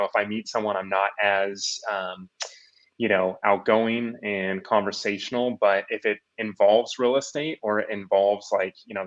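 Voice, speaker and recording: A man's voice: lowish voice, fairly bright tone. A man hosting a podcast, talking in a rambling, hesitant way with many filler words. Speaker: podcast host. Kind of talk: casual interview chat. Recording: dull lo-fi audio.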